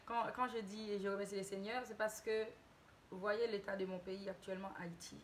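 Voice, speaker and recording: A woman's voice: medium pitch, fairly even intonation, a little fast, a little hiss or hum. A woman from Haiti telling a casual story-time tale to her channel, hesitant, with many restarts and self-corrections.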